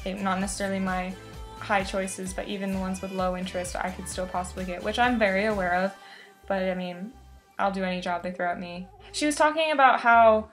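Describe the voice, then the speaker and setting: Here a woman near twenty chats informally to camera as a student vlogger, rambling through an experience and interrupting herself often. She has a medium-pitched voice with fairly even intonation and a brisk pace, backed by soft music.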